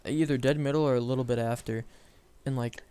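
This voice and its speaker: A man's voice: medium pitch, fairly even intonation, fairly quick, dark tone, smooth. A young man casually telling a story on a chat show, rambling with lots of fillers and self-corrections.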